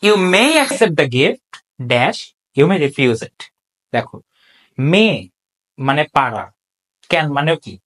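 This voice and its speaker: A tutor talks through exam answers in a recorded lecture, at a middling pitch. Each point comes with rhetorical questions and quick checks that listeners are following. English example sentences are read out slowly and deliberately. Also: very animated, fairly bright tone. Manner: explains step by step, asks rhetorical questions, checks understanding. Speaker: English tutor for admission exams.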